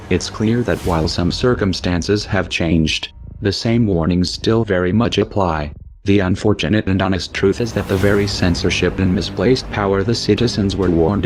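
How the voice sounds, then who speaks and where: A man narrating a scripted protest message in a grave, measured way, his voice disguised by a deep voice changer. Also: a little mellow, a little hiss or hum.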